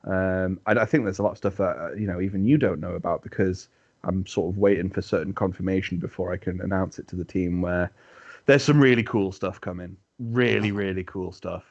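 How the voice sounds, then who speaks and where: A man's voice: deep voice, fairly quick, darkish tone, lo-fi sound. A man who is a guest on a casual podcast chat, teasing the host and laughing easily. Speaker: podcast guest, team captain.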